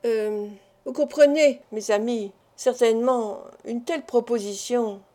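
A woman's voice: a little high, steady tone, moderate pace, darkish tone, lightly acted. A woman voicing a boastful, mocking male village doctor who turns flustered, in a storybook reading. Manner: jeering, then flustered and pleading.

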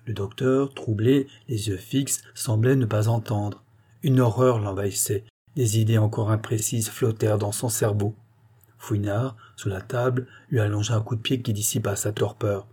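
Male audiobook narrator, measured, dramatic, husky. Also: fairly low pitch, fairly even intonation, dark tone. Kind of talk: audiobook reading of a novel.

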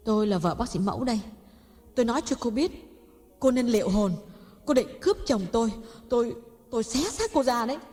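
A woman's voice: animated, brisk, long pauses, a little mellow, natural voice. A woman voicing a middle-aged doctor's wife who is jealous, harsh and accusing, in an audio story. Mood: furious. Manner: harsh, accusing, shrill outbursts. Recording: long hall reverb, faint music.

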